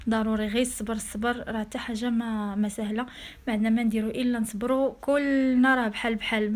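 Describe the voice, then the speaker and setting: A woman with a Moroccan accent, chatting casually to her viewers in a home vlog, talking straight to them with frequent fillers. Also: on the high side. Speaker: home vlogger.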